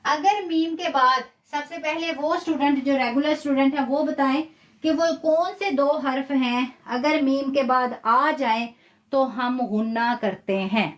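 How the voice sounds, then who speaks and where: Woman w pakistani urdu accent teaching quran live online, patient, keeps repeating stuff, bit high voice, echoey. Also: a little slow, recorded from a distance. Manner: patient, repeats points, praises students' answers. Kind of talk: live online tajweed lesson.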